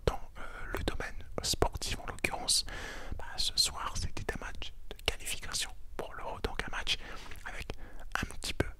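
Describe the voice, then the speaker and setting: A man speaks entirely in a soft, unvoiced whisper. He sounds very close, right in your ear, in an intimate ASMR style. He hosts a relaxed sports debrief, talking the listener through it quietly. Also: moderate pace. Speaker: ASMR video creator and host.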